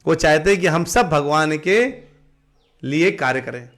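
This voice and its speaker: A man giving a live-streamed devotional talk, asking the audience questions and answering them himself, sometimes breaking into slow sung chanting. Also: fairly high pitch, animated, a bit bright. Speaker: devotional teacher.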